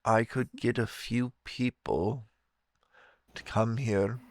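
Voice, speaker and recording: A man playing his tabletop character in a measured, deliberate way. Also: medium pitch, steady tone, dry recording, clean studio sound. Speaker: player.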